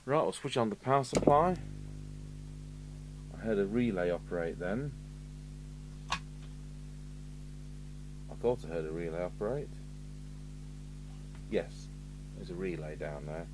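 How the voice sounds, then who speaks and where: With a low voice, lively intonation and an unhurried delivery full of pauses, a UK man with an English accent muses to himself while working at an indoor electronics bench. Like a radio repair tech, he rambles casually, and the clear recording carries an electrical hum beneath it.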